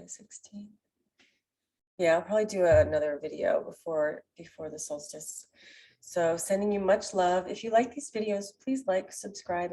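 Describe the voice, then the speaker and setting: A woman with a nasal, stuffy voice, giving a spiritual card reading in a gentle, meandering way with many pauses. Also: lowish voice. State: sick with a cold. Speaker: oracle card reader.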